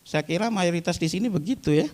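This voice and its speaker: A male preacher in his thirties with a voice sitting somewhat above the usual male pitch. He tells stories in a relaxed, chatty way and keeps turning to his live congregation as he talks. The talk mixes religious teaching with humor. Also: fast talker, big-room sound. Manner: chatty storytelling, often addressing the listeners directly. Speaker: Islamic preacher. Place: weekly study gathering before a live audience.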